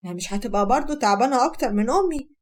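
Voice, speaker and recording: A woman's voice: on the high side, lively intonation, rapid-fire, darkish tone. A woman doing a firm Egyptian husband. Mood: commanding. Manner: firm, commanding. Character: stern young husband, calm then domineering.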